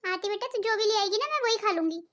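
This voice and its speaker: A woman voicing a gentle, humble mother-in-law. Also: very high voice, fast talker. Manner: soft, reassuring. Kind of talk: cartoon voice acting.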